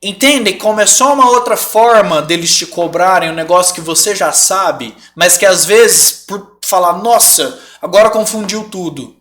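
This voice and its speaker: A man's voice: sits high, moderate pace, hardly any pauses, pushed and bright. A man with a Brazilian Portuguese accent teaching a live online lesson, explaining patiently and checking in with the class often.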